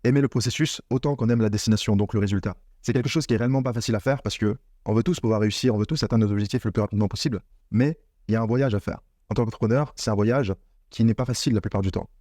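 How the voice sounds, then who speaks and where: Fast-talking man coaching business mindset. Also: lowish voice, warm tone, no room sound, studio quality. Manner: earnest, repetitive, addresses viewer as tu. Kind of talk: direct-to-camera motivational talk.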